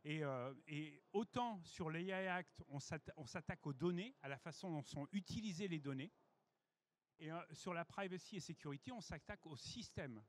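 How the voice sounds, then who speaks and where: Higher-voiced man presenting at a masterclass. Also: lively intonation. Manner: measured explanatory delivery with frequent hesitations. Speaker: head of innovation strategy presenting.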